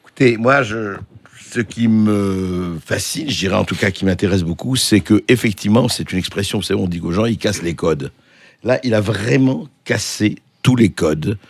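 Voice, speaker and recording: A low, gravelly man talking on a radio panel, close and dry on the mic. He rambles eagerly, laughing between points. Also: moderate pace, no echo. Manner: lively, rambling, laughing asides. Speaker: radio host, guest commentator. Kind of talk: studio discussion. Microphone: studio microphone.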